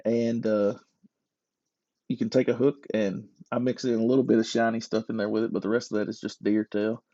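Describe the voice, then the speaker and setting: A man with a mellow, darkish voice chats through a hobby craft tutorial, joking at his own expense. The sound is dry and close with no room around it, and a little dull and lo-fi. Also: lowish voice, level tone, a little fast, no echo. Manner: self-deprecating, joking, chatty. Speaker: hobby lure carver. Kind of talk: casual voice-over tutorial.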